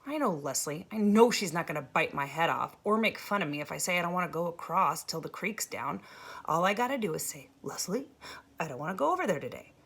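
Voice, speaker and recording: A woman voicing a shy, nervous country boy who stammers and talks haltingly. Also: fairly low pitch, animated, creaky, a bit bright, breathy edge, full character voice.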